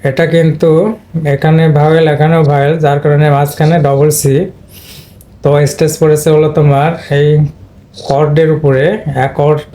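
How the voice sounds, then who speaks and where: A man gives an informal spelling and pronunciation lesson, stepping through each rule and saying the example words again and again. His voice sits somewhat high yet stays flat, with little rise or fall. The tone is mellow and soft-edged, and he clears his throat now and then as he explains. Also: moderate pace, pauses often. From Bangladesh. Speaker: English pronunciation teacher.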